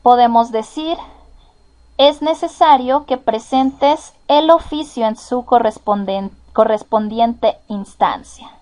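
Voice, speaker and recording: A woman with a Mexican accent teaching at a deliberately slow pace, her voice sitting a little high. She explains patiently and repeats each example so it sinks in. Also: darkish tone. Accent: Mexican Spanish. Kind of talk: slow, careful classroom explanation.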